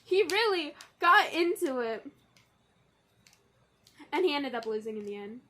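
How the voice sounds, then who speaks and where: A high-voiced young woman talks straight to her camera in a loose, joking vlog manner. She tosses in quick asides and throws her voice up and down, from bright bursts to low, half-mumbled lines. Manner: chatty and playful, with quick asides and jokes; expressive, shifting between lively and low, mumbled tones. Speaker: vlogger. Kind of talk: casual chat to camera.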